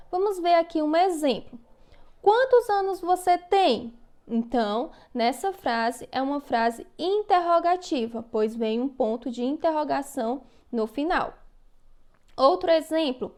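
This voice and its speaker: A woman teacher with a high, bright voice gives a video lesson to small children. She talks slowly and clearly and keeps asking the class questions to draw them in. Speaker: primary school teacher.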